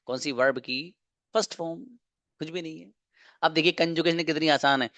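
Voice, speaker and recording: A man's voice: on the high side, steady tone, fairly quick, fairly bright tone, no echo. A man teaching an online grammar lesson. He, asks questions and answers them himself, and repeats each example patiently. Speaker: English teacher.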